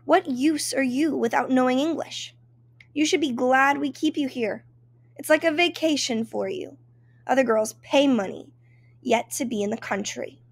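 A woman's voice: sits high, normal speed, gravelly, no room sound, clean studio sound. A woman voicing cold, scornful wealthy employers who scold a new servant with contemptuous questions.

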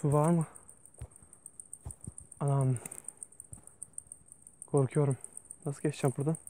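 A man's voice: on the high side, level tone, measured pace, mellow. A man vlogging outdoors while walking through a forest alone, nervous and joking, talking to himself and to viewers. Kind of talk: casual vlog while hiking alone.

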